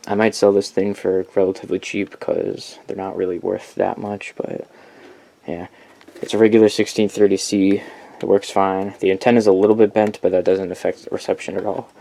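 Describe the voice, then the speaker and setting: With a deep, mellow voice and little pitch movement, a man shows his weather radio collection at a moderate pace. He's unscripted and blunt, drifting off topic and correcting himself, and the background noise is clear.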